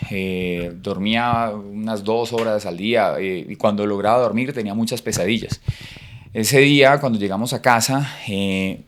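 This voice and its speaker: A middle-aged man from Cúcuta, Colombia, with a Cúcuta accent, sharing a personal faith testimony as an interview guest in a reflective, hesitant way. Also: medium pitch. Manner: reflective, hesitant, many fillers.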